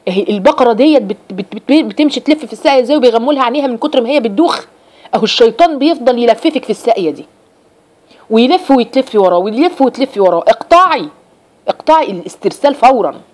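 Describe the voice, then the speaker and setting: A middle-aged woman with an Egyptian accent giving a religious lesson to women, lively and repeating her phrases as she acts out examples. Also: a little high, racing. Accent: Egyptian Arabic. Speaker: religious teacher.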